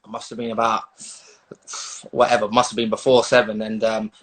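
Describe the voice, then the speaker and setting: A man's voice: fairly low pitch, completely flat delivery, brisk, poor audio. A man with a London accent talking casually as an interviewed footballer, matey and slangy with hesitant phrasing, on a video call. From London, England.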